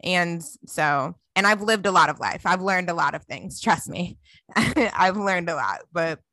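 A woman in her late twenties hosting a casual chat, talking in an animated, slangy and emphatic way. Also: on the low side, measured pace, no room sound. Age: 20s.

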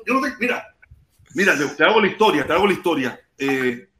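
Lively Cuban man with a high, animated voice. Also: brisk, reverberant, a little hiss or hum. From Cuba. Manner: playful, loud, repeats himself, bursts into shouts. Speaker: livestream host. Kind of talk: casual live chat.

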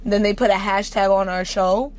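A woman's voice: medium pitch, steady tone, normal speed. A woman with a New York accent chatting casually, blunt and brash, laughing often. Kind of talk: casual chat.

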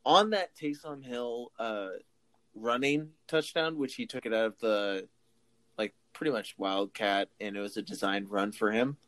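A man's voice: on the low side, a bit bright. Teasing opinionated man on sports podcast. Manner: teasing, opinionated, quick remarks. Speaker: podcast co-host. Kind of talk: casual sports podcast chat.

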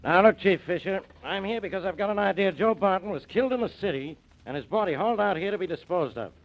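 A man's voice: high-pitched, lively intonation, quick pace, soft background music. An actor playing a brusque, commanding middle-aged male police inspector in an old radio show. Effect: old radio show broadcast. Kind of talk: 1940s radio acting. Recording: dull old radio recording.

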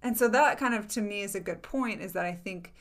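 A woman in casual debate, hedging often, filling with "like," and letting sentences trail off softly. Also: mid-range voice, fairly quick.

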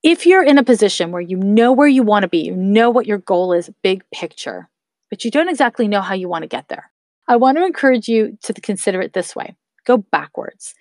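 Brisk and lively in intonation, this woman has a medium-pitched, somewhat dark voice. She's a thirty-something podcast host giving casual spiritual advice and encouragement to listeners she calls her loves, recorded close and dry with no echo.

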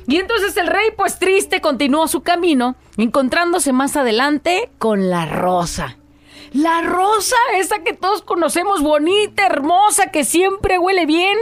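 A woman hosting a talk show and telling a fable, repeating words for emphasis. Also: high voice. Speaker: host. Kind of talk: storytelling a fable.

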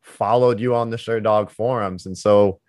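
Low, dry-sounding man co-hosting an interview. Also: fairly even intonation, normal speed, a little mellow, dry recording. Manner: informal, conversational. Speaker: interview co-host. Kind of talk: casual interview conversation.

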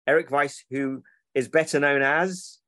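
A man's voice: a little high, measured pace, pushed and bright, dry recording. A man, a children's book publisher who rambles and corrects himself in a casual interview over a remote call.

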